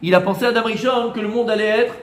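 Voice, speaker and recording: High-voiced rabbi teaching in an echoey room. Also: male voice, fast talker. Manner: lively, teasing, quizzes his listeners. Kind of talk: Torah class. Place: room with a small group of students.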